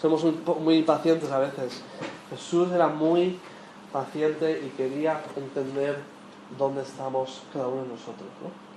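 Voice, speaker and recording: Male Bible teacher, conversational, fairly high voice, echoey room, faint noise. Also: fairly even intonation, a little slow, darkish tone. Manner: conversational, quizzing the audience with tag questions. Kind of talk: interactive Bible lesson.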